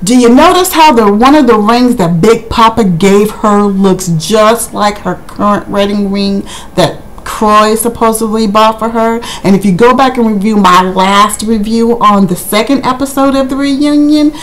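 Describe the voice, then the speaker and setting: A woman with a slightly high voice chats casually at a moderate pace as a reality TV recap vlogger, rambling through her review and slipping into acted-out quotes for her viewers. The audio quality is poor.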